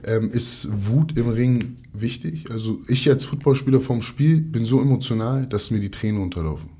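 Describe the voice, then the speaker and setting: A man's voice: mid-range voice, normal speed, warm tone, breathy edge. A man hosting a casual chat, asking long, searching questions and checking in with his guests. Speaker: host and football player.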